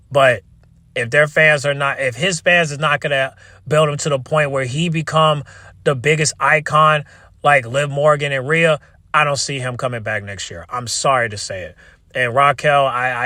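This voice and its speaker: A man with a bright, tense voice at a middling pitch records an opinionated rant in a very dry space. He sounds exasperated and talks casually to his viewers, repeating himself, restarting phrases and swearing freely. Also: no room sound. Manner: exasperated, repetitive, halting restarts. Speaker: wrestling commentary video creator.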